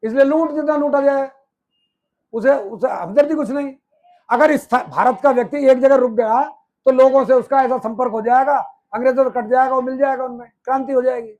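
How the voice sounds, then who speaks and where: A man's voice: extremely high pitch, fairly even intonation, fairly quick, darkish tone, dull audio. A man giving a political speech to an audience, firing rhetorical questions and answering them himself, piling up repeated phrases. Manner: emphatic, repeats phrases in lists. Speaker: movement speaker.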